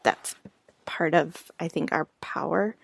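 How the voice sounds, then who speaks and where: A woman's voice: low voice, slow pace, creaky, breathy edge, no echo, studio quality. A woman hosting an interview, responding with affirming enthusiasm. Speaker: podcast host. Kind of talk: casual interview chat.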